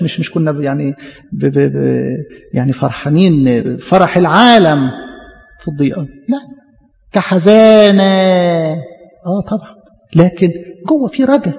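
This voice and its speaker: Egyptian Arabic priest preaching, high gravelly voice, long reverb, dull audio. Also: male voice, mellow. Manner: impassioned preaching, acts out biblical dialogue in rising voice. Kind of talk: sermon.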